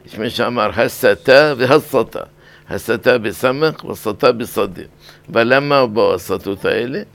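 Older rabbi with a gravelly voice. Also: male voice, fairly low pitch. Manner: deliberate, repeats words for emphasis. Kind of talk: weekly sermon on scripture and law.

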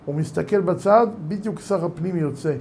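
A man's voice: high-pitched, darkish tone, slight background noise. A man preaching, telling a dramatic story to his listeners and addressing them formally. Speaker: religious preacher. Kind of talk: sermon storytelling.

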